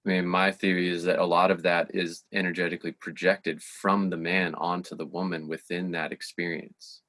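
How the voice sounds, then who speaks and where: Male host, very low voice, reflective, pauses to find words. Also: level tone, a bit bright, dry recording. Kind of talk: conversational interview.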